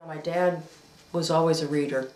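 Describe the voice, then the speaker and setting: A woman's voice: sits low, fairly even intonation, moderate pace, darkish tone. A woman in her fifties from upstate New York, plainly recalling her family and schooling in an interview. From upstate New York, USA. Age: 50s. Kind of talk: reminiscing interview. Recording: echoey room.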